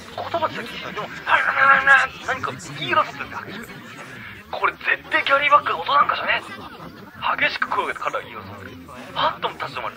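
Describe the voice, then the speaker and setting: A man telling a true ghost story, swinging from hushed murmurs to loud bursts, with dramatic pauses and sound effects. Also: fairly high pitch, poor audio.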